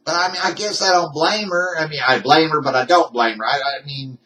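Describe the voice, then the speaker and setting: A man's voice: a little high, brisk, sharp tone, low-quality recording. A man ranting to his camera in a heated, indignant, folksy way. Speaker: YouTuber. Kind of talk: ranting vlog.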